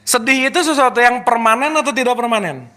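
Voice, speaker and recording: A man giving an informal spiritual talk to a group, lively and teasing, full of rhetorical questions. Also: very high voice, quick pace. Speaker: spiritual teacher.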